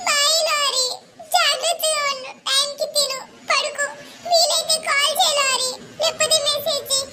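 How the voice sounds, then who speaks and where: Very high-pitched voice-acted cartoon schoolboy, whiny and clingy, noisy dub track. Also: fairly even intonation, moderate pace. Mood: sad farewell. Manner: whiny, pleading, sobbing. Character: lovesick schoolboy, tearful and clingy.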